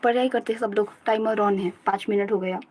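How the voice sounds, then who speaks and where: A woman's voice: mid-range voice, fairly even intonation, a little mellow, poor audio. A young Indian woman on a study live stream, who recites her notes over and over and chats with her viewers in between. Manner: repeats notes aloud in slow drills, then chats fast in mixed Hindi and English. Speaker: student livestreamer.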